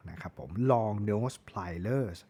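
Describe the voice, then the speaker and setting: Thai man with a low, husky voice. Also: extremely slow, dark tone. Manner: chatty, corrects himself, spells out words. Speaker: tool reviewer. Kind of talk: casual product review.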